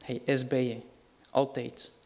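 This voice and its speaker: A man's voice: medium pitch, flat delivery, unhurried, creaky, darkish tone. Earnest man preaching a sermon. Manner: earnest, reassuring, rises in volume for dramatic quotes.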